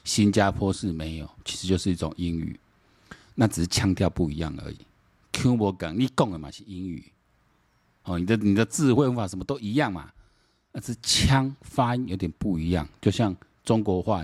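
On a casual solo political commentary podcast, a middle-aged Taiwanese-accented man rambles and repeats words, slipping into Taiwanese Hokkien and firing off mocking rhetorical questions. His voice sits low, a little mellow and slightly rough, in a dry recording.

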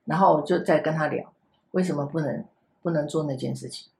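Older Taiwanese Mandarin woman, low gravelly voice, gentle repetitive podcast guest. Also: brisk, a little hiss or hum. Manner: gentle, repeats herself, acts out soft talk to children. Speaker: podcast guest, grandmother and former kindergarten teacher. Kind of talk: casual podcast chat.

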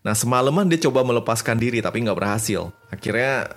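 A man's voice: mid-range voice, expressive, fast talker, faint music behind. A man narrating history in a chatty, slangy way, dropping in English phrases. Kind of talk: casual storytelling narration.

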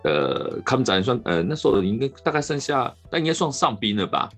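A man with a Taiwanese Mandarin accent hosting a podcast, telling a rambling, animated story in casual chat. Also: mid-range voice, a little fast, faint music behind. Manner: rambling, animated anecdote with restarts. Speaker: podcast host.

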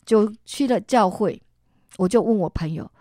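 A woman from Singapore tells her personal story as an interview guest, voicing the people in it as she goes. Her delivery is lively and full of feeling, with frequent laughter. The recording is close and dry, with no room sound. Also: medium pitch, moderate pace, no echo. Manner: animated storyteller who acts out other people's lines; expressive, laughs while telling. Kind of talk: telling a personal faith testimony.

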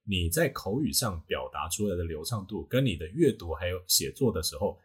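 A man with a Taiwanese Mandarin accent and a husky voice, casually explaining his views as a podcast host and teacher, often circling back over his words. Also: deep voice, big pitch swings, brisk.

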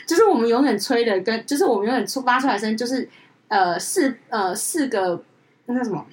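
A woman co-host with a slightly high voice rambles through her anecdotes in a relaxed, chatty podcast conversation. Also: fast talker, poor audio. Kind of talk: casual chat.

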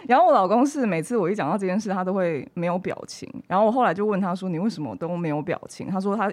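Her voice sits on the low side for a woman and carries a clear Taiwanese Mandarin accent. She talks in a casual, conversational way, like a podcast guest recounting her own experiences. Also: a little mellow.

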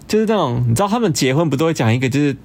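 A man's voice: on the high side, big pitch swings, very fast, darkish tone. A man, co-hosting a podcast in easygoing, enthusiastic casual chat. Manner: easygoing, chatty, enthusiastic about recommendations. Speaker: podcast co-host.

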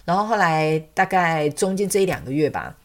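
A woman's voice: deep voice, very animated, a little fast. A young woman from Taiwan, hosting a podcast and telling a personal story in a chatty way, with many fillers and frequent laughs. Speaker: podcast host. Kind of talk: casual storytelling monologue.

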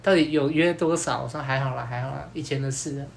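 A man, hosting a podcast and telling a story in a casual, animated way, acting out both sides of the dialogue with many fillers. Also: mid-range voice, quick pace, gravelly, slight background noise. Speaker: podcast host.

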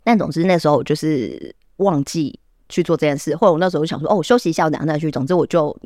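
Co-host, Taiwanese Mandarin accent, animated casual storyteller, middling pitch, dry close sound. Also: racing, no room sound. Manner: animated storyteller, laughs often, many "then" restarts; quotes others in acted voices. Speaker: podcast co-host.

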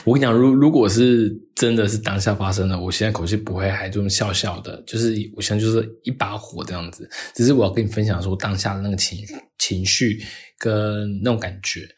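A man in his thirties co-hosts a casual chat podcast, with a low voice and a husky edge. He tells a long story in a rambling way and keeps restarting his sentences. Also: fairly even intonation, fast, a little mellow. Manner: rambling, many restarts and fillers. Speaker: podcast co-host.

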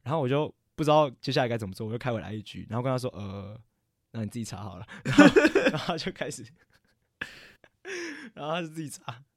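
Fast-talking young man rambling a story. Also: medium pitch, big pitch swings, dry recording, clean studio sound. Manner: rambling, stammering, frequent self-corrections. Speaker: podcast co-host. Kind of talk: casual storytelling chat.

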